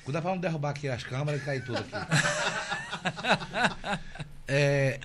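Animated man, high and lively. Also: a little slow, very noisy. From Brazil. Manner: animated, flamboyant storyteller who acts out dialogue. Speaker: guest. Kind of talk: casual storytelling interview. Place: indoor room with cameras.

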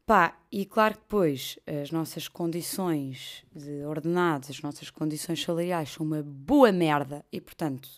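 A young woman with a European Portuguese accent, hosting a podcast as a casual comedic monologue, swearing freely and dropping into whispered asides. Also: sits low. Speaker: podcast host.

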